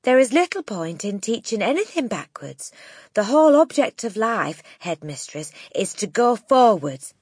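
A woman voicing a gentle but firm woman teacher in an audiobook, speaking in a measured, precise, politely defiant way. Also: mid-range voice, sing-song, slightly rough, dry recording, studio quality, pitched above the performer's own voice. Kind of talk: audiobook character acting.

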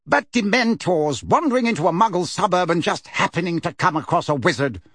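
Guy doing a big booming lady judge, stern, pitched up, husky edge. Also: big pitch swings, moderate pace, a bit bright, no echo, clean studio sound, heavily acted. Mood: firm.

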